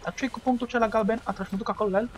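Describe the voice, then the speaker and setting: A man gives excitable let's-play commentary in a high voice. He shouts at enemies and trash-talks them as he goes. A clear, steady noise runs behind his voice. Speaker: gaming video host.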